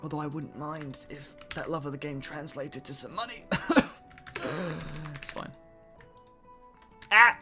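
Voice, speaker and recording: This young streamer in his twenties speaks slowly with frequent pauses, his slightly high voice pushed and bright. He chats casually, pokes fun at himself, and replies to chat between tasks over soft background music.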